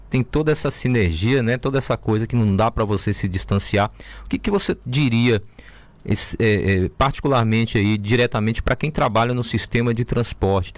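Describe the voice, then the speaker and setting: A man's voice: lowish voice, no echo. A man with a Bahian Brazilian accent interviewing a guest, circling and restarting as he builds long questions. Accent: Bahian Brazilian Portuguese. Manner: rambling, restarts often while framing questions.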